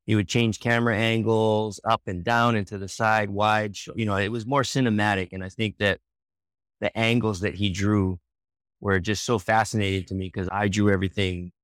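Speaking at a moderate pace in a fairly low voice with no room sound, a man in his forties from Hawaii talks as a guest in a relaxed interview. He writes and illustrates children's books, and he's easygoing, laughing often and restarting sentences.

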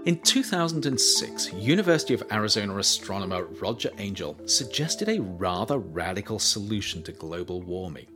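In an audiobook reading, a man narrates his own nonfiction book. His voice sits low, yet his pitch rises and falls with lively, animated emphasis, and his delivery stays measured and steady throughout.

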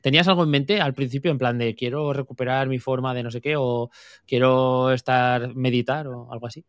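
A man's voice: mid-range voice, fairly even intonation, fairly quick, dry recording, clean studio sound. A man from Spain co-hosting a podcast, talking in a frank, colloquial, casual way. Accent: Spain Spanish. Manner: colloquial, frank, says "tío" and "coño". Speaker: podcast co-host. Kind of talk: casual chat.

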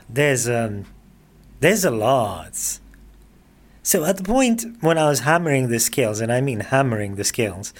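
A man in his forties hosting a podcast, telling his own story in a chatty, self-mocking monologue full of conversational asides. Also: mid-range voice. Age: 40s. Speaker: podcast host. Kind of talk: casual personal monologue.

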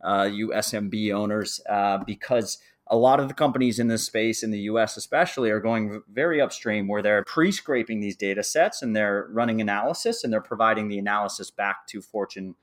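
A man with a fairly low voice hosts a podcast, delivering a polished, scripted-sounding introduction. He then poses questions to his guest in the same smooth, practiced way. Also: brisk. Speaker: podcast host.

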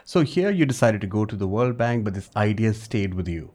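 A man's voice: on the low side, lively intonation, a little fast, darkish tone. A man hosting an interview, asking short, probing follow-up questions.

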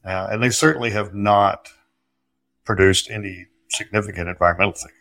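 A man with a somewhat low voice talks through history for a podcast interview. He explains carefully, pausing and restarting, with flashes of dry humor. The sound is close and dry, with no room around it. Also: fairly even intonation, pushed and bright, no room sound. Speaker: guest historian. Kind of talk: conversational interview answers.

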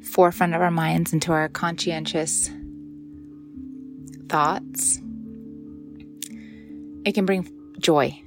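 A middle-aged woman gently leading a guided meditation in a soft, soothing voice that often drops into a breathy near-whisper. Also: on the low side, steady tone, slow pace, long pauses, music in the background. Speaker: meditation guide and yoga teacher.

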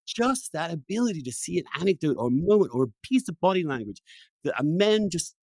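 A middle-aged or older Englishman hosts a conversational podcast interview, often repeating words, restarting sentences and drifting off his point. His voice is on the high side, sing-song, a little fast and slightly mellow, with no echo.

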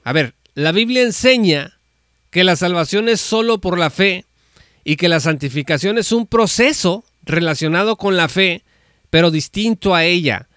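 A man's voice: sits high, animated, normal speed, fairly bright tone, no room sound, clean studio sound. A man teaching on salvation in a conversational preaching style, retelling Scripture with fillers and restarts. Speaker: Bible teacher. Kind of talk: informal teaching talk on an audio space.

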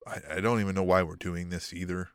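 A man's voice: deep voice, flat delivery, fast, no echo, studio quality. A man hosting a podcast in casual, profane, rambling chat with a sardonic edge. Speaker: podcast host.

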